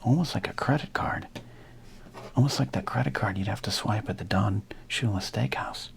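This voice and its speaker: Ripping open packs of trading cards, a collector keeps up a casual commentary full of wry jokes and half-whispered asides. His voice is fairly low and creaky, with a moderate pace.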